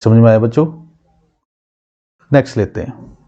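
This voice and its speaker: Male math teacher, very dark tone, lo-fi audio, quizzes the class and drills terms. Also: mid-range voice, steady tone. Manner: asks students questions and answers them himself; repeats key terms slowly.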